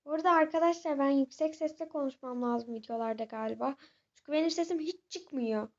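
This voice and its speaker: A young woman talks her viewers through a horror game, chatty and easily startled. Her voice is a bit high but soft and mellow in tone. The recording sounds muffled and lo-fi. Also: a little fast. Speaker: gaming channel host. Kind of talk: let's-play commentary.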